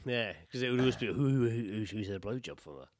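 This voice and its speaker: This medium-pitched British podcast co-host is laddish and easygoing, swearing freely and speaking bluntly while alternating between joking around and reading stories out. His voice is a little mellow, and the recording is very dry.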